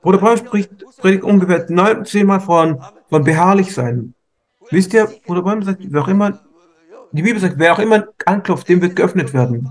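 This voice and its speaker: A man's voice: sits high, moderate pace. A man interpreting a sermon live, speaking fervently, repeating himself and restarting words as he goes.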